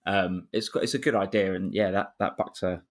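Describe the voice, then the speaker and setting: A man's voice: deep voice, steady tone, fairly quick. A man co-hosting a football fan podcast, easygoing and chatty, retelling stories with quoted asides. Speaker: podcast co-host. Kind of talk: casual fan chat.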